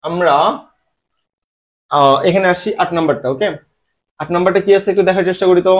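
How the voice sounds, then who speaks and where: His voice sits high and his delivery is brisk. Speaking with a Bangladeshi Bengali accent, he teaches English grammar for an admission exam online, poking fun at students and answering his own questions.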